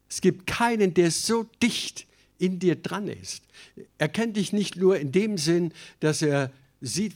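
A male pastor delivering a sermon with a voice sitting a little above the usual male range. He preaches with strong emphasis, speaking straight to his listeners, then loosens into chatty asides with the odd hesitation. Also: a little high. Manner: emphatic preaching, addresses congregation directly.

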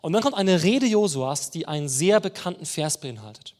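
A man preaching in a high voice. His pitch swings widely, rising and falling as he makes each point. He talks with the congregation in a conversational way and keeps putting rhetorical questions to them. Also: animated, moderate pace, a little mellow. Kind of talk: sermon.

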